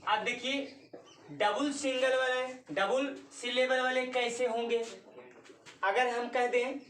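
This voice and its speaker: A woman's voice: a little high, fairly even intonation, slow pace, a bit bright, slight background noise. A woman teacher who gives a classroom grammar lesson. She dictates definitions word by word, repeats terms, and asks the class questions before answering them herself. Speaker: English teacher. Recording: roomy sound from a mic at a distance.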